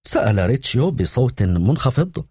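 Male audiobook narrator with a dark, husky tone. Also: medium pitch, big pitch swings, moderate pace, no echo, clean studio sound. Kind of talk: scripted narration.

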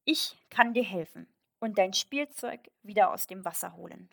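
A woman voicing an insistent, wheedling male frog in a fairy tale, reading at a slow pace with her voice lifted. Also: mid-range voice, expressive, gravelly. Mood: coaxing. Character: pleading pushy male frog by a well. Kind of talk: storybook reading.

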